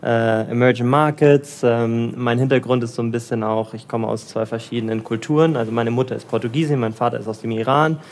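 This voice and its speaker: A man's voice: medium pitch, fairly even intonation, fairly quick, hardly any pauses. Give me a man in his thirties, a banker, talking hesitantly in an interview. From Germany, Bavaria. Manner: hesitant, many ums and restarts. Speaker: guest, banker. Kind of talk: casual interview.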